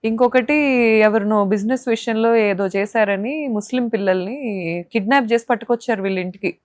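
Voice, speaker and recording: A young woman from Andhra Pradesh, India, speaks as an interview guest, her voice a little high and brisk in a dry recording. She gives emotional testimony full of impassioned indignation and pointed rhetorical questions.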